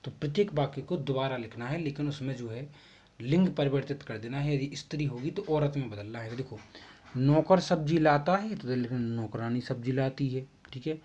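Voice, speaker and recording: A man talks through a school lesson in a relaxed, casual way, going over each answer slowly and repeating it. His voice is husky and mid-pitched. The recording sounds dull and lo-fi. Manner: explains step by step, repeats answers. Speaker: teacher. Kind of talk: casual exam-prep lesson.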